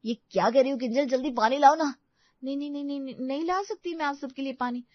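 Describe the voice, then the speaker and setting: A cheeky, mischievous young bride, voiced by a woman in an audio family drama. Her voice is fairly high and teasing, and the recording is dull and dry. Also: fast talker, no echo, natural voice. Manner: teasing, sing-song.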